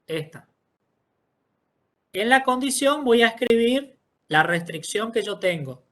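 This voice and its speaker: Patient teacher, step by step. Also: male voice, very high voice, expressive, slow pace, fairly bright tone. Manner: patient, explains step by step, checks in often with "¿sí?". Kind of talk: online class walkthrough.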